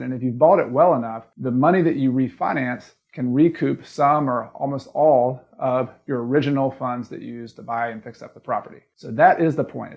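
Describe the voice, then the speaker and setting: A man's voice: medium pitch, creaky, dull audio. A man with a Southern US accent giving a casual, plain-spoken video lesson, explaining step by step as the host. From American South. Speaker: real estate investing educator and video host.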